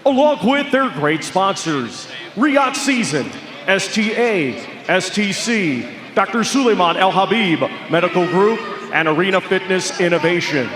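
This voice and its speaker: A man making formal boxing ring introductions like a lucha libre announcer, booming out names and stretching them for the arena. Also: lively intonation, measured pace. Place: large indoor boxing arena. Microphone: ring announcer's microphone over PA. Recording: echoey arena PA, loud crowd noise.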